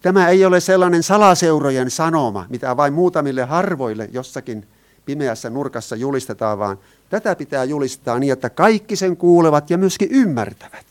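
A man's voice: fairly high pitch, expressive, clean tone. A man preaching a sermon. He talks in an earnest way, asks his listeners questions and explains Greek words.

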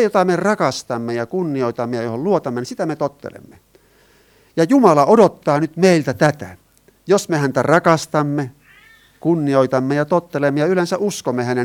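A man preaching a sermon, stressing his points and putting rhetorical questions to the congregation. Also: on the high side. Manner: asks the listeners rhetorical questions, rises and falls in emphasis.

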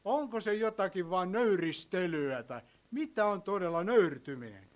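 A man preaching a sermon, telling a story and asking his listeners questions, his voice swinging between hushed and loud. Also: high-pitched, lively intonation.

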